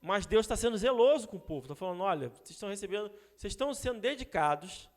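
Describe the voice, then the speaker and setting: A Brazilian man with a Brazilian Portuguese accent, teaching a Bible study in a relaxed, conversational way, often adding "né?" to check that his listeners follow. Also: sits high, quick pace, in a large hall. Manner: conversational, frequent rhetorical "né?" asides. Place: church hall.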